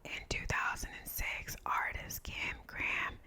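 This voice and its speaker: A woman speaks entirely in a breathy whisper, in the manner of an ASMR host reading out facts. Her delivery is slow and deliberate, with measured phrasing. The whisper has a bright, sharp edge.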